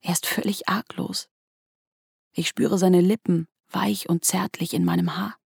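A woman narrating a first-person literary story in a hushed, tense way, at times sinking to a whisper. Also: fairly low pitch, steady tone, measured pace, gravelly, slightly rough, dry recording, studio quality. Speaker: audiobook narrator.

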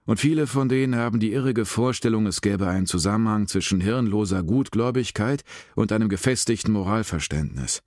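A sardonic, defiant woman chief inspector, as a male narrator puts her on in a dry audiobook read. Her voice is raised well above his low tone, cutting and bored, with a dead, close sound. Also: brisk, few pauses, a little mellow, no echo, natural voice. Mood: dry sarcastic.

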